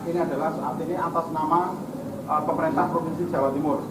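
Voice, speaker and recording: A man's voice: on the high side, level tone, quick pace. A man giving an informal welcome and explanation of a site as an official, searching for words as he goes. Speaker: police official welcoming visitors. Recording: noisy, echoey, distant microphone.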